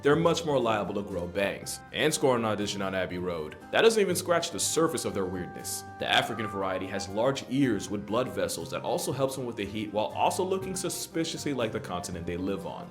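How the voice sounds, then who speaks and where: Guy doing funny nature narration, really animated pitch, irreverent wisecracks, music underneath. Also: a little fast, hardly any pauses. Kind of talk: scripted comedic nature narration. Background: guitar music.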